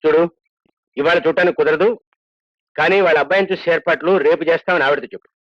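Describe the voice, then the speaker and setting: A man's voice: on the high side, steady tone, quick pace, close to an everyday voice. An actor playing a strict, stern jail superintendent who lectures his constable with authority, in a film drama with a dull, lo-fi soundtrack. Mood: dry, stern.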